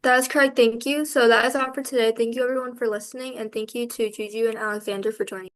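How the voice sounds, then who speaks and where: High-voiced woman presenting to a class. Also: steady tone, quick pace. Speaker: student presenter and quiz asker. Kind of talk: reading a prepared class talk.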